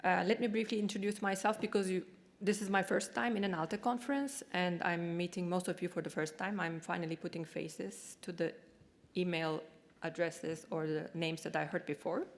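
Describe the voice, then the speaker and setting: A woman from Turkey, whose first language is Turkish, addresses a conference as a program manager. She talks quickly and in a formal, courteous way, in a somewhat low voice. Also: steady tone.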